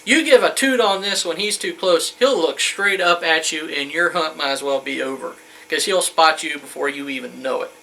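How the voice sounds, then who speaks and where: A man's voice: a little high, normal speed, vocal fry, hardly any pauses, bright, forceful tone, rough recording. A man in his thirties giving an informal how-to talk as a hunting instructor, in a folksy, colloquial, rambling way. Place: wood-panelled room indoors.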